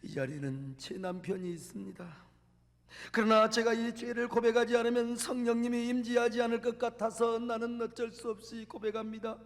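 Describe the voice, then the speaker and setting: An ashamed, tearful woman, as a preaching man acts her out, pleads for a way to repent. The voice sits very high and hangs in a long hall reverb. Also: steady tone, moderate pace. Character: tearful adult woman confessing adultery, ashamed.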